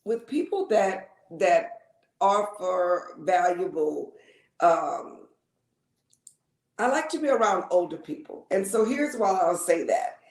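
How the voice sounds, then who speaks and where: A woman, chatting as an interview guest, repeating words and filling pauses with ums. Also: on the low side, animated, reverberant. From Lake Charles, Louisiana. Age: 50s. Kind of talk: casual interview storytelling.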